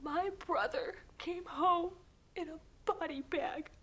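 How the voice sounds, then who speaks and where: An actress playing a grieving female Gulf War veteran who speaks quietly and earnestly, at times near a whisper. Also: fairly high pitch, normal speed, lightly acted. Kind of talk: film drama.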